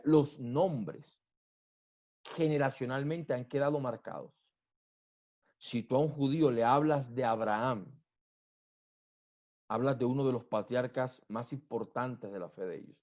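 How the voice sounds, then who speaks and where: A man with a Colombian accent, a pastor preaching a teaching sermon slowly, repeating key words and swinging from loud to soft. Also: on the high side, highs cut off. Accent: Colombian Spanish. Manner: slow teaching delivery with repetition and wide swings in loudness. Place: church sanctuary.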